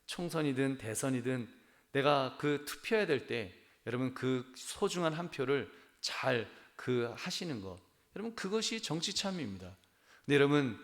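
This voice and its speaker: A male pastor preaching a sermon in a mid-range voice. He speaks earnestly and addresses his listeners directly, rising into emphatic, animated stretches. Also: medium pitch. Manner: earnest, animated preaching with frequent appeals to the congregation.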